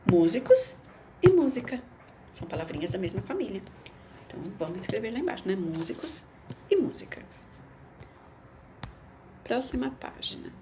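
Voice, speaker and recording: A woman's voice: mid-range voice, very animated, noisy background. A woman teacher, reading a schoolbook aloud and explaining it patiently to young children. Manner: patient, explains slowly, repeats words for children.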